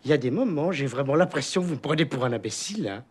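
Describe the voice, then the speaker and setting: An actor playing a naive, well-meaning, slow-witted man in film dialogue, eager to please and easily sidetracked, with a husky voice. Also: medium pitch, animated, slight background noise, lightly acted.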